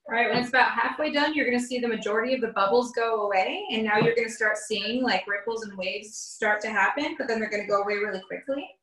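A woman's voice: on the high side, quick pace, a bit bright. A young woman giving a casual cooking demonstration in a home kitchen, explaining each step in a chatty way with fillers. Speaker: cooking instructor. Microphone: camera across the counter. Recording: echoey kitchen, far from the mic.

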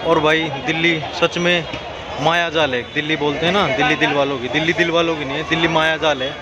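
This casual walking vlog features a young man speaking fast in a fairly high, steady voice, though the audio sounds dull. He chats with viewers, calling them "brother," while moving through a busy outdoor market with the camera at arm's length. The crowded street carries a constant background of people talking.

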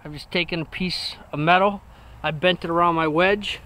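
A man outdoors in freezing weather, loudly and excitedly showing off a tool he built, with slangy, casual talk. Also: a little high, moderate pace, a little hiss or hum. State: freezing cold. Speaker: vlogger demonstrating a tool.

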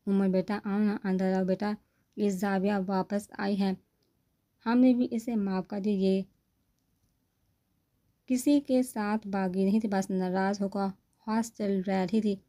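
A woman's voice: mid-range voice, flat delivery, pauses often, mellow, close to an everyday voice. A woman reading a novel aloud, voicing a middle-aged mother who coaxes affectionately. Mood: coaxing. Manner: coaxing, affectionate.

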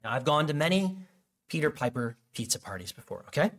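A man's voice: on the high side, sing-song, brisk, a bit bright. A man preaching a sermon as pastor, in a conversational, jokey way full of asides, with frequent fillers and restarts.

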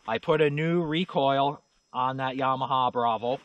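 A middle-aged man shows off snowmobiles outside in a snowy yard, rambling casually as a channel host. His mid-range voice moves at a measured pace, folksy and plain-spoken with many "you know"s and "uh"s. The recording has its highs cut off.

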